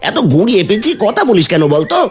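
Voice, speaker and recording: Cartoon: male actor as a smug village schemer, bossy and teasing, swinging pitch. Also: very animated, rapid-fire, slightly rough, exaggerated voice. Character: scheming, smug village husband, jealous of neighbors.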